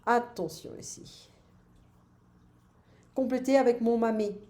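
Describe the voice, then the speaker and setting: A woman teaches a French grammar lesson and drills each form one by one, slipping in brief English glosses. She speaks slowly, her tone warm and mellow. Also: a little high. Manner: slow, patient drilling with short English glosses.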